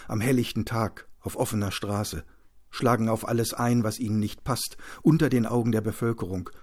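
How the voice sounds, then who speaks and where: A man's voice: steady tone, moderate pace, a little mellow, lightly acted. A man voicing a beaten but defiant writer in an audiobook, speaking weakly and grimly. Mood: grim, brooding. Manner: weak, gasping, low and grim.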